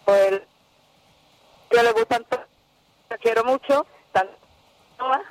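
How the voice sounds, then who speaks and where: A woman's voice: fairly high pitch, a little slow. A woman calling a radio show from work. Her phone line keeps cutting out and sounds glitchy. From Andalusia, Spain. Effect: glitchy phone line that keeps breaking up. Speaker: radio caller. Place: at work, on a weak phone signal.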